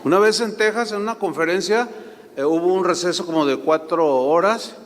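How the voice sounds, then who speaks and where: A male pastor delivers his sermon in a fairly high voice. He slips into animated, anecdotal storytelling. His voice rings with a long reverb, as if he is preaching in a large church hall. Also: moderate pace.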